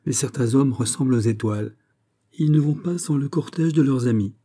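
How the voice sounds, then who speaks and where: A man voicing a bold, witty musketeer captain in an audiobook reading, speaking in an animated, emphatic way. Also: medium pitch, moderate pace, voice pushed up, close to an everyday voice.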